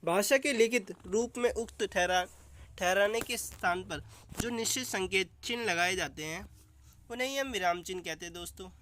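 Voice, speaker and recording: A man's voice: sits high, moderate pace, fairly bright tone, slight background noise. A man teaching an online exam-prep lesson, calling his viewers friends and explaining with examples.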